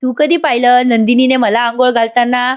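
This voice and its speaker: A woman's voice: fairly high pitch, fairly even intonation, a little fast, natural voice. A woman doing a cheerful teasing young husband.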